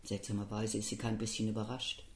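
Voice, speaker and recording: A man narrating a first-person story in a measured, somber reading voice. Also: on the low side, completely flat delivery. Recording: echoey room with faint noise.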